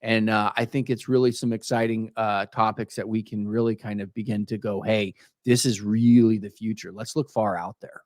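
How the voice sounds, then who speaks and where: A man in his late thirties, co-hosting a podcast in casual chat, animated and stumbling over repeated words as he talks. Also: on the low side, normal speed, few pauses, no room sound, clean studio sound. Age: 30s. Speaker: podcast co-host.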